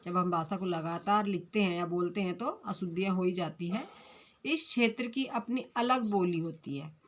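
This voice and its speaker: A woman teaching a fifth-grade Hindi grammar lesson online, speaking in a patient, repetitive way and carefully correcting words one at a time. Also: lowish voice. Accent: Punjabi. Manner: explains slowly and repeats corrections.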